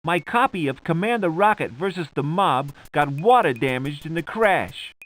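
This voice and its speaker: A meek young comic-book fan asks for a favor politely and hesitantly. His voice sits high for a man. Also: animated, normal speed, a bit bright. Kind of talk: video game voice acting.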